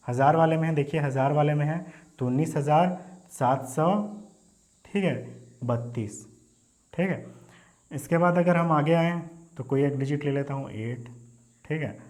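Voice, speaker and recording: Hindi maths teacher, slightly high voice. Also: male voice, a little mellow. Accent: Hindi, Indian. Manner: repeats "ठीक है" and "है ना" as check-ins, mixes English terms into Hindi. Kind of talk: classroom lesson explaining number places.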